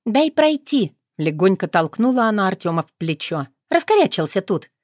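A woman's voice: mid-range voice, very animated, normal speed, a little mellow, no echo, clean studio sound. A woman voicing a bold, cheeky young woman in an audiobook, smirking as she talks. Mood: mocking.

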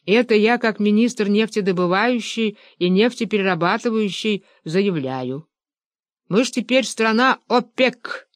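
A man's voice: high voice, lively intonation, measured pace, dry recording, clean studio sound. A woman voicing a self-important male minister who declares his views in a storybook reading. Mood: pompous. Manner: pompous, declaiming.

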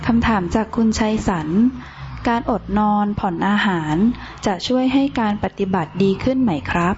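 A woman reading listeners' questions aloud to a monk in a polite, measured way. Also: mid-range voice, animated, a little mellow. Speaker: question reader. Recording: dull recording, faint room noise.

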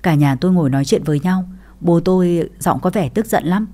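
Mellow, low-voiced woman storyteller. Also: fairly quick. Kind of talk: first-person story narration.

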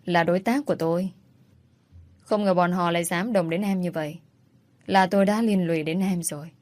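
A woman voicing a composed, confident young businessman who speaks calmly and firmly, a little exasperated. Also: on the low side, normal speed, close to an everyday voice. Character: composed, self-assured wealthy young man, a businessman.

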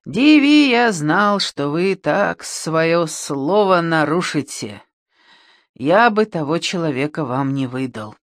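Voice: mid-range voice, very animated, slow, no room sound, clean studio sound. A reader playing a sly old village shepherd. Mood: reproachful. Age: older. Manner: folksy rural speech.

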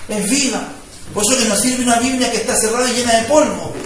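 Male pastor, very high voice, preaching from a distance in a booming reverberant hall. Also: fast, slight background noise. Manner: conversational preaching with rising fervor, frequent "¿me entiende?". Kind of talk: sermon. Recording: echoey room, voice from far off mic.

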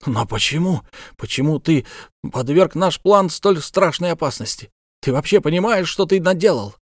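A man's voice: medium pitch, normal speed, dry recording, studio quality, close to an everyday voice. A man voicing a stern, insistent official in an audiobook, pressing with hard questions.

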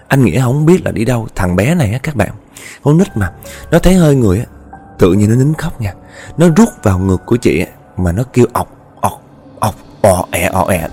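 A man's voice: medium pitch, warm tone. A man with a Southern Vietnamese accent narrating a horror story, chatting directly to his listeners. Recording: faint background music.

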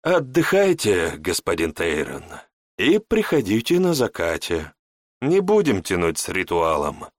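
A man voicing a calm, businesslike male mage who speaks politely and matter-of-factly. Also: deep voice, unhurried, no echo, studio quality, heavily acted.

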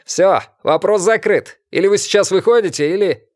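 A gruff, hot-tempered militia boss barks orders and threats, as a male narrator puts him on, his voice pushed up high and hard. The read is close and dry, with no room around it. This is a storybook tough guy who is used to getting his way. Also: moderate pace, a little mellow, no echo, natural voice. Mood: threatening. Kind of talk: audiobook character voice.

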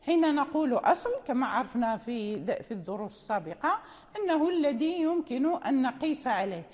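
Woman teacher, high voice, patient repeating explanation, echoey dull recording. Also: expressive. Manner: explains slowly, repeats words, chants quoted verses. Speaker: teacher of Quran recitation. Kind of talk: explanatory recitation lesson.

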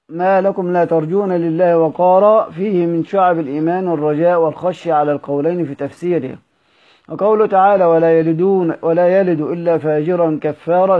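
A man reading a classical text aloud as a teacher, in measured tones, stressing each verse heading and adding brief asides. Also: on the high side, fairly even intonation. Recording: narrow phone-like audio.

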